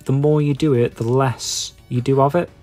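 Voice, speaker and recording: Mellow man with a Stoke accent. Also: medium pitch, steady tone, moderate pace, faint music behind. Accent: Stoke-on-Trent English. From England. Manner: hesitant, self-deprecating waffling with many filler phrases. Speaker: YouTube video maker and podcaster. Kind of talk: casual rambling chat to viewers.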